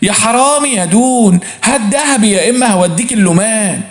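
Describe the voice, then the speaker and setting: A man with an Egyptian accent voicing a furious young working-class woman who shouts insults. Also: high voice, quick pace, pitched above the performer's own voice, natural voice. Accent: Egyptian Arabic. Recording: roomy echo.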